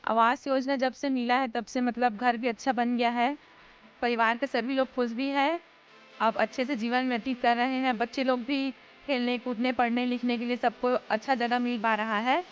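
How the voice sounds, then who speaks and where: A woman from a district in central India, calmly explaining her situation as a resident in a vox-pop testimonial. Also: on the high side, normal speed, dull audio, slight background noise. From Durg district, Chhattisgarh, India. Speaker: resident interviewee. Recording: music bed under the voice.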